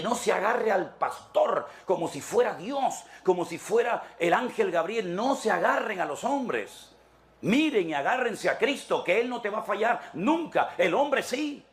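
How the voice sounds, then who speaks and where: A man preaching a sermon to his congregation as pastor, emphatic and repetitive, speaking to them directly. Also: high-pitched.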